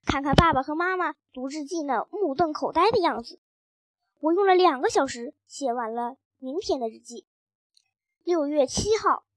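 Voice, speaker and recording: A woman reading a children's story aloud in a lively, expressive first-person child's voice. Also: high-pitched, no echo.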